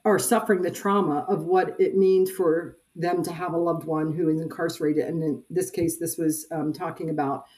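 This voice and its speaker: A woman's voice: sits low, steady tone, normal speed, hardly any pauses, a little mellow, poor audio. A middle-aged woman, a church peace minister, speaking earnestly as a podcast guest with frequent fillers. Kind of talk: casual interview talk.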